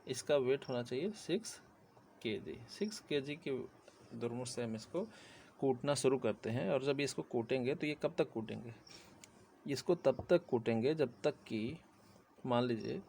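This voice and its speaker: A man's voice: mid-range voice, unhurried, vocal fry, dark tone, slight background noise. A man with a sore throat giving a chatty civil engineering lecture, often checking in with his listeners. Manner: chatty, repeats "theek hai" often. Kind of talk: casual Hindi classroom lecture.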